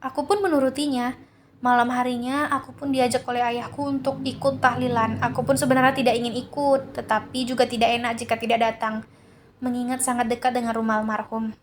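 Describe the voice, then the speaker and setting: A woman narrating a first-person horror story in a steady, earnest way. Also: on the high side, brisk, a little hiss or hum.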